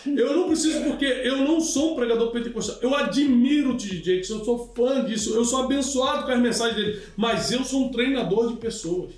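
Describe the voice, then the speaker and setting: A man's voice: very high-pitched, a little fast, hardly any pauses, far from the mic. A man hosting a podcast conversation, talking reflectively and asking his guest questions. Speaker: podcast host. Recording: very echoey room, off-mic.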